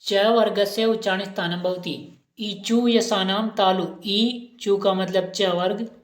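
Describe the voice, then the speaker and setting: A woman's voice: medium pitch, fairly even intonation, takes it slowly. A woman teacher giving an exam-prep lesson, asking questions and repeating each answer aloud. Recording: roomy echo.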